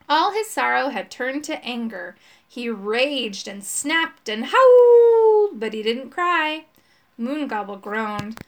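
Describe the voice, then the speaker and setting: A woman narrating a children's storybook aloud, with dramatic, expressive delivery. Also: fairly high pitch. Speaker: audiobook narrator.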